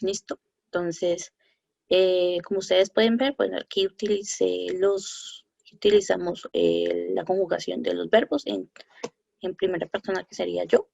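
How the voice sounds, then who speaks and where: Brief: woman French teacher, gravelly edge, starts and restarts, dull dry lo-fi recording. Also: on the low side, a little mellow, no room sound. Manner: halting, many fillers and self-corrections. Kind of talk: recorded lesson over slides.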